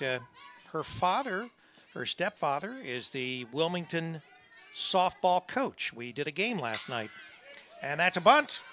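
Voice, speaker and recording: Bright-voiced man calling softball. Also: fairly high pitch. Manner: conversational, folksy asides. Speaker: softball play-by-play commentator. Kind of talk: unscripted live sports commentary. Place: press box at a college softball field.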